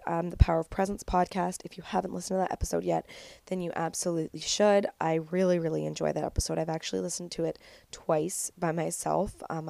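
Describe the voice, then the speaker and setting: With no room sound, this young woman's fairly low, warm voice shows some vocal fry. In her twenties, she hosts a casual solo podcast, chatty and upbeat despite being stuffed up and nasal with a cold, and uses "like" frequently.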